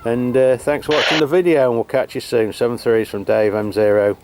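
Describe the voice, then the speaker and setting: Out on a cold, wet hilltop, an Englishman chats casually to camera while reviewing a radio, full of fillers and restarts, using a handheld radio mic and camera. His mid-range voice is fairly even in intonation and fairly quick. The background is noisy.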